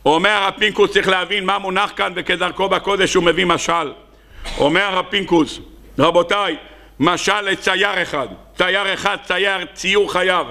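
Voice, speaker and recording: High gravelly rabbi with an Israeli accent. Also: male voice, fairly even intonation, bright, forceful tone. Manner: storytelling, acting out characters with sudden high cries. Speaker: rabbi preaching. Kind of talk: Hebrew sermon with acted parables.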